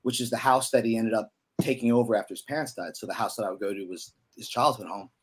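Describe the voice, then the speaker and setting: A young man, a musician guest on a podcast, telling a story in a casual, animated way with lots of "you know". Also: lowish voice, fast, husky.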